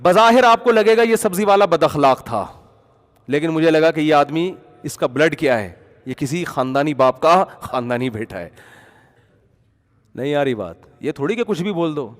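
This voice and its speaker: A man preaching a storytelling sermon in an animated, conversational way that rises to emphatic peaks. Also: fairly high pitch, in a large hall. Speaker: Islamic preacher.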